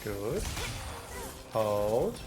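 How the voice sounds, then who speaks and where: A man's voice: on the low side, very animated, drawn-out words. A young man with a light Australian accent, chatting casually and joking as he streams a game. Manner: chatty, joking, laughs often, slang-heavy. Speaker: gaming streamer. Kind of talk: casual live-stream commentary.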